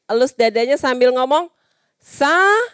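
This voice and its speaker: A young Indonesian woman teaches a children's church lesson in a slow, patient way. Her voice is somewhat high and swoops lively up and down. The sound is close and dry. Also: dry recording. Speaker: Sunday school teacher.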